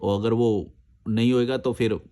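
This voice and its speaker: A man's voice: on the low side, fairly even intonation, normal speed, mellow. A man answering viewer comments in a casual chat, blunt and argumentative, recorded outdoors. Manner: blunt, argumentative, reads comments aloud then rebuts.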